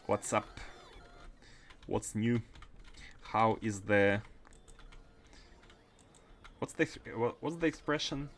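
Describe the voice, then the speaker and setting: A man with a Russian accent talks casually on a gaming livestream as he plays, frequently repeating and restarting phrases. His voice is lowish, and he takes things slowly, leaving long pauses.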